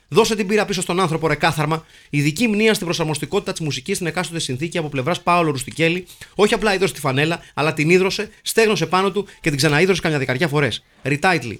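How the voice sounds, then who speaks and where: A man with a slightly higher voice hosts a live podcast, reading listener comments and joke casting lists aloud. His delivery is wry and mock-solemn, letting the gags land without pushing them. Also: a bit bright. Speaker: podcast host.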